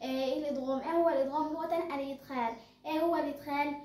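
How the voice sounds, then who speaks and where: A woman's voice: high-pitched, fairly even intonation, very fast, a little mellow, roomy sound. A young girl with an Egyptian accent explaining tajweed rules as a teacher, asking and answering her own questions. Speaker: Quran recitation teacher.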